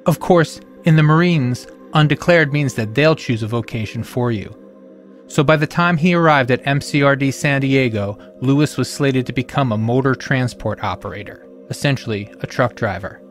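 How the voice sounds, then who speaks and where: Male narrator, scripted documentary read, measured and solemn, mid pitch, faint music underneath. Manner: measured, solemn delivery with emphatic rises. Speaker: podcast host and narrator.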